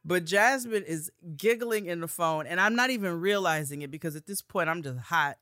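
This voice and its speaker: A woman's voice: lowish voice, animated, normal speed, fairly bright tone, dry recording, studio quality. A young woman, a podcast co-host and student, telling a story in a casual chat with emphatic, profane bursts.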